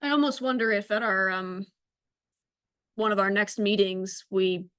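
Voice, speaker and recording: A woman's voice: mid-range voice, measured pace, a bit bright, smooth, dry recording, studio quality. A woman in a public committee meeting on a video call, speaking tentatively with lots of hedging fillers. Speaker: committee member.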